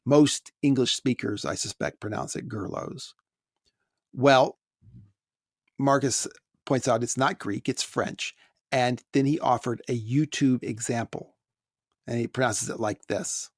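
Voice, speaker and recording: A man's voice: mid-range voice, unhurried, vocal fry, dry recording, studio quality. An American man co-hosting a podcast, reading listener emails aloud and adding wry asides in casual chat. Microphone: close podcast microphone.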